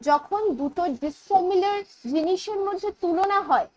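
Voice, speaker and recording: A woman with a Bengali accent teaching an English poetry lesson online, explaining in Bengali mixed with English terms and reading the poem's lines slowly. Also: extremely high pitch, darkish tone, lo-fi sound. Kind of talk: online exam-prep lecture.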